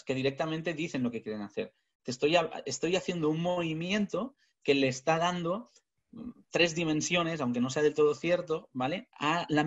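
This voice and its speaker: A man leads a business communication webinar from his webcam. He keeps asking rhetorical questions in a lively way. His voice sounds a bit husky, and the audio comes through dull and lo-fi. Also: on the high side. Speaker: communication trainer. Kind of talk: webinar talk. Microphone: webcam video call.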